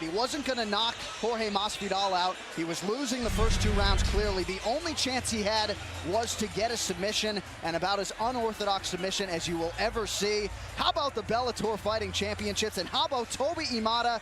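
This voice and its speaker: A man's voice: sits high, background noise. A man calling a live fight play-by-play from ringside in an emphatic, polished broadcast delivery. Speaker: play-by-play commentator.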